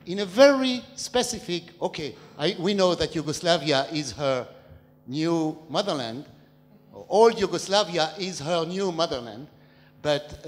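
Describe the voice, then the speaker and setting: An older man in the audience asking a long public question into a handheld mic, talking in a discursive way with hesitant pauses. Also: a little high. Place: large dark hall with an audience, standing. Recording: long reverb of a large hall.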